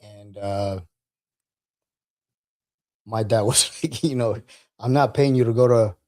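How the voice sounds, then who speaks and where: A man, an Army veteran guest, talking casually in an interview, halting and repeating words, laughing as he tells stories. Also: medium pitch, darkish tone.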